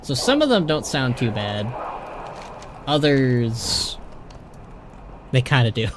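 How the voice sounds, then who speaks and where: A man's voice: mid-range voice, big pitch swings, slow, noisy background. A man hosting a game livestream, chatting casually and commenting as he plays. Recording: faint music behind.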